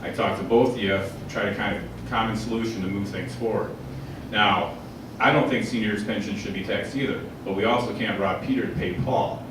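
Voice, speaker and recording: This political candidate, a man in his forties, responds earnestly and plainly to questions at a public forum. He speaks briskly in a steady, lowish voice, picked up from a distance in a big reverberant hall over noisy surroundings.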